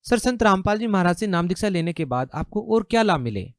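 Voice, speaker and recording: Male interviewer, high voice, formal polite questions, dry sound. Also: big pitch swings, brisk, no room sound.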